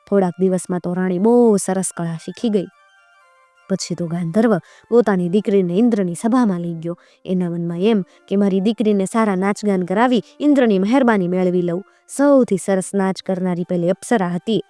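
A woman narrating an old folk tale in a steady, homely storytelling manner. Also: fairly low pitch, no echo.

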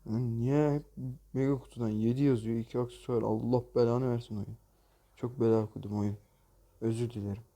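A man's voice: medium pitch, steady tone, a little fast, dark tone. A man hosting a gaming channel, commenting on opening loot boxes in a mobile game, exasperated and jokey, often cursing at the game.

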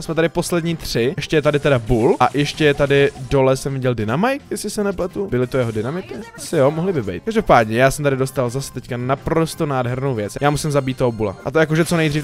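Excitable man giving game commentary. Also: on the high side. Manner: chatty, excitable, talks straight to viewers. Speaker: gaming channel host. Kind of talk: gameplay commentary. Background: faint background music.

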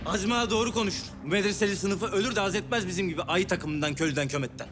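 An outspoken villager, acted by a man, protests in a historical drama. He is blunt and agitated, with a high voice and very rapid delivery over music. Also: natural voice. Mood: indignant. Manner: blunt, indignant.

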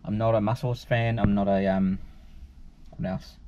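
Inside a car, this vlogger chats casually and wanders off topic while taste-testing food, his lowish voice moving little in pitch at a moderate pace. The arm's-length camera picks up dull, noisy sound.

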